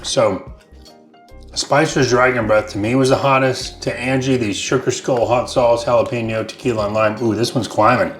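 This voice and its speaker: A man's voice: mid-range voice, fairly even intonation, normal speed. A man co-hosting a show, chatting casually and enthusiastically as he tastes hot sauces. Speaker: co-host of a local food and small business show. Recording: roomy echo with music.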